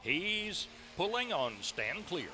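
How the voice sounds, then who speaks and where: A male tractor pull announcer with lively pitch speaks slowly in a presentational style, introducing and recapping. The noisy outdoor track recording carries outdoor ambience and vehicle engines.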